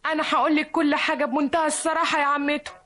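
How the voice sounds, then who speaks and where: A lovesick, tearful young woman, played by a woman in a vintage Egyptian radio play. Her high voice pleads in quick, plaintive bursts. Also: little pitch movement, over music, natural voice. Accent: Egyptian Arabic. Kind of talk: vintage radio drama acting.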